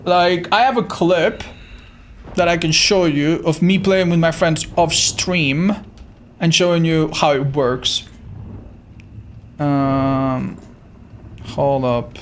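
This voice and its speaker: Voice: mid-range voice, fairly even intonation, takes it slowly, long pauses, a little hiss or hum. A game streamer giving casual live commentary in an informal, sweary way, talking straight to viewers. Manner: informal, sweary, addresses viewers as man and dude.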